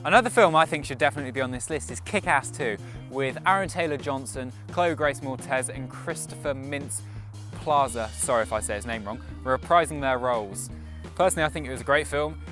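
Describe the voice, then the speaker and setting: A man's voice: medium pitch, a little fast, over music. A young man giving casual, opinionated reviews to camera as a vlog co-host.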